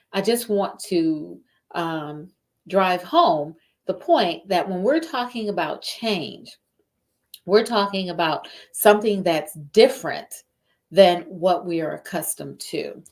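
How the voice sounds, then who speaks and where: A woman hosting a live podcast as a life coach, giving a motivational talk. She speaks deliberately, repeats phrases for emphasis and checks in with the listener directly. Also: lowish voice.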